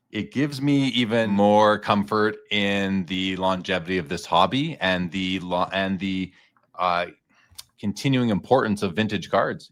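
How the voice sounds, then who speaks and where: A man hosting a casual interview, speaking in a relaxed, reflective way. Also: fairly low pitch. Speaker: host.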